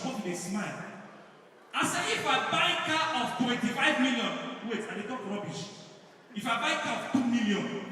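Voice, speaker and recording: A man's voice: high voice, pushed and bright. A male comedian with a Nigerian accent, doing stand-up in Nigerian Pidgin for a live audience. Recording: echoey hall PA, distant, slight noise.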